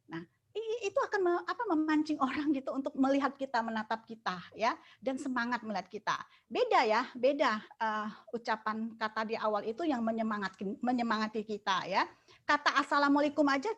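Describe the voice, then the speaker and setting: A woman coaching public speaking in a webinar, animated, asking rhetorical questions and filling pauses with "eh". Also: fairly high pitch. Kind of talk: webinar talk. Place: online webinar.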